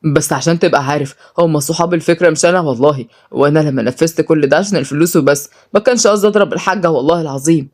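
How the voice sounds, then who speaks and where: A woman's voice: low voice, racing, darkish tone. A woman voicing a cruel, scheming young man with an Egyptian accent. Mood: cowering. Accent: Egyptian Arabic. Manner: sneering, bullying.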